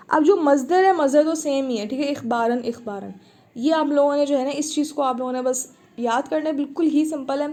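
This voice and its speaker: A woman teaches an Arabic grammar lesson with a high, soft, mellow voice. She explains patiently, says each word more than once and keeps asking whether her students follow. The talk is steady and clear, with no hurry. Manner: patient, repeats words and checks understanding.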